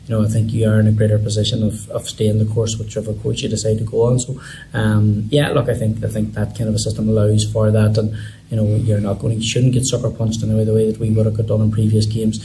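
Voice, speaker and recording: A man with an Irish accent from Donegal speaks very quickly in a low-key, even tone, as a team manager in an interview. He often repeats phrases, and there is some background noise. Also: creaky, rough recording. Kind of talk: post-match interview talk.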